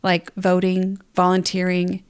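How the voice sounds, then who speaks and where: On a book discussion podcast that mixes casual chat with reading from prepared notes, this woman co-host explains books and ideas conversationally. She speaks in a fairly low, clean voice, unhurried and completely flat in delivery.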